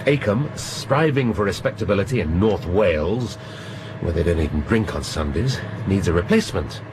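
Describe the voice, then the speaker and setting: An actor playing a sharp, sardonic police inspector in a radio drama, speaking in a dry, measured way. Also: male voice, low voice, animated. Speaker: detective inspector. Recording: radio drama with background noise.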